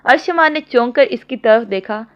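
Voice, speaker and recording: A woman reading a romance novel aloud in a steady, storybook narration. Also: on the high side, moderate pace, smooth. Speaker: novel reader. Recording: dull lo-fi audio.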